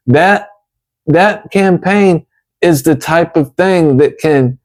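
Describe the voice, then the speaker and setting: Slow-talking man with a slight lisp. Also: on the high side. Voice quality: slight lisp, as if wearing a retainer. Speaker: chronic pain patient advocate.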